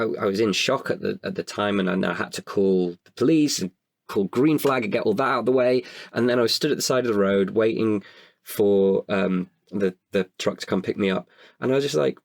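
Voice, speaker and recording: Here a British man, a performer guesting on a podcast, reflects candidly and thoughtfully in an interview, frequently pausing in hesitation as he searches for words. His voice is low with vocal fry, captured in a dry, studio-quality recording.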